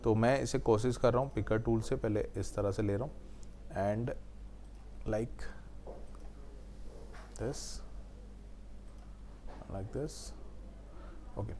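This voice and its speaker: A man's voice: fairly low pitch, steady tone, slow pace, pauses often, darkish tone, a little hiss or hum. A man teaching video editing in a screen-recorded tutorial, explaining step by step, mixing in English technical terms and often checking in with "right?". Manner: explains step by step, often adds the tag question "है ना".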